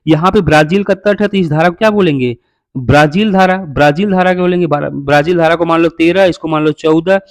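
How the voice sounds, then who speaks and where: A man's voice: fairly high pitch, fairly quick, no room sound. A man teaching a geography lesson over a map, quizzing his listeners and answering himself, repeating each name by number and calling listeners brother. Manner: repetitive, drills names by number.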